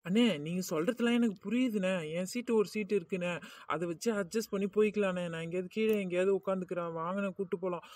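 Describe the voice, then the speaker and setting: A man's voice: high-pitched, fast talker, darkish tone, distant mic, natural voice. A man voicing a kind young male passenger in a cartoon, an eager peacemaker who pleads and soothes. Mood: persuading. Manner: pleading and soothing, keeps saying brother. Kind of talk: cartoon voice acting.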